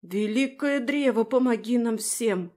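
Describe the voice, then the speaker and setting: A woman voicing an excitable male fairy companion who exclaims and needles with sarcasm. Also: on the high side, measured pace, natural voice. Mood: exasperated.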